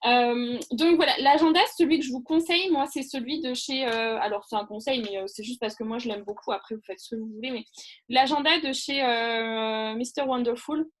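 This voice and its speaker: Brief: chatty woman trainer, slightly high voice, rambles with fillers, live video call. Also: steady tone, brisk. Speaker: online training presenter. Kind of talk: casual live training talk.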